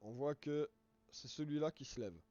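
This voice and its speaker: Hoarse man streaming a game. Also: on the high side, moderate pace, dark tone. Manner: rambling, restarts words, explains step by step. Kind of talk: casual live-stream game commentary. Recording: dull lo-fi stream audio.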